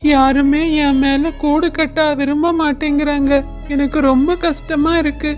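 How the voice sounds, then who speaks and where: A woman voices a humble little mango tree from a children's cartoon, high in pitch. It speaks softly and earnestly, always pleading and eager to please. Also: level tone, measured pace, faint music behind. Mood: sad. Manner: earnest, pleading, soft-spoken. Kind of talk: cartoon voice acting.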